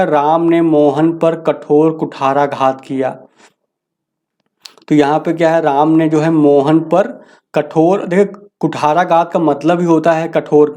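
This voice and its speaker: A man teaching a grammar lesson, reading each sentence slowly and then explaining the correction casually. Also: a little high, fairly even intonation, mellow.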